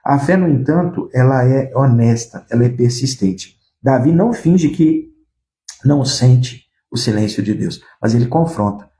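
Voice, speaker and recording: A man's voice: mid-range voice, unhurried, mellow, echoey room. A man preaching an emphatic sermon, calling out to his listeners as brothers and acting out the words of people in his stories. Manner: emphatic, addresses listeners as brothers, acts out quotes. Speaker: pastor.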